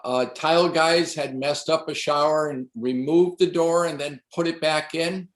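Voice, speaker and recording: A man's voice: a little high, fairly even intonation, measured pace, reverberant. A man in the shower door trade, chatting emphatically and repeating himself for effect. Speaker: shower door installer on a panel. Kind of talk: casual shop talk.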